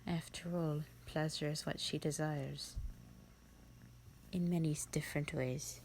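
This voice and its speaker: This theatrical roleplay audio features a woman voicing an ancient, haughty vampire, thousands of years old. Her low, breathy half-whisper is a little mellow and fairly even as she drawls very slowly, disdainful, bored and condescending. The recording carries faint noise.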